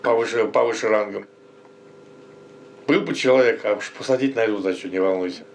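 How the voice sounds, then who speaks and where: A man's voice: lowish voice, fairly quick, slight background noise. A man chatting casually and bluntly, with slang and swearing. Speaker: village resident being interviewed. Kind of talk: casual chat.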